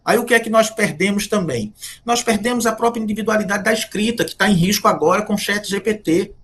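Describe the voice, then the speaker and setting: A fairly high-voiced man from Brazil, a history professor answering interview questions. He lectures reflectively, asks rhetorical questions and keeps checking in with his listeners. His pitch climbs and drops widely as he talks. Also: fairly quick, fairly bright tone. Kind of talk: academic interview talk.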